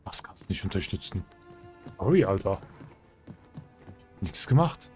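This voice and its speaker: A man's voice: low voice, sing-song, unhurried, soft background music. Chatty man commenting on gameplay. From German-speaking country. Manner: chatty and joking, talks to game characters. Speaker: let's play host.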